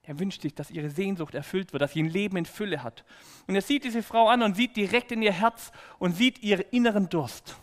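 A man giving a lively, playful children's sermon, speaking straight to the kids in a church. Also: sits high, brisk. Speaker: preacher for children. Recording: echoey hall reverb.

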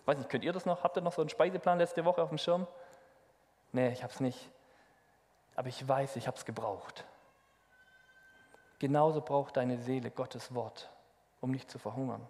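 A man preaching a sermon, lively and speaking directly to the congregation. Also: medium pitch, moderate pace, pauses often. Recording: long hall reverb.

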